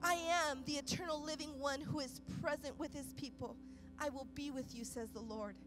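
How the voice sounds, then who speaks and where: A woman pastor preaching a sermon with impassioned delivery, moving from loud urgent peaks to quiet soft passages and often repeating phrases. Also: high voice, steady tone, moderate pace, over music. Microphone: microphone.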